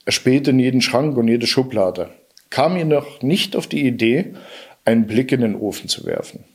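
A man narrating a fairy tale aloud in a lively, expressive storybook reading. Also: medium pitch, normal speed, husky.

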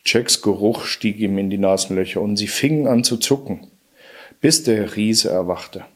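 A man narrating a fairy tale aloud in a lively, expressive storybook reading. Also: on the low side, moderate pace, breathy edge.

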